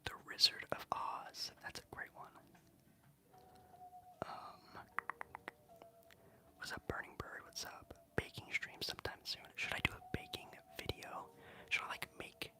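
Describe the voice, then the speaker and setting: An ASMR streamer whispering softly and chattily while answering live chat questions. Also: measured pace, long pauses. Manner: soft, unvoiced whisper with chatty fillers.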